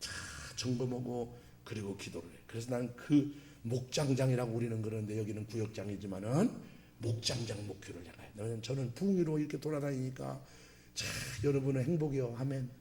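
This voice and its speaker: A man preaching a revival sermon as a pastor, folksy and joking, swinging from loud exclamations to soft asides. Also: medium pitch, brisk. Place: church sanctuary. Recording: echoey church hall.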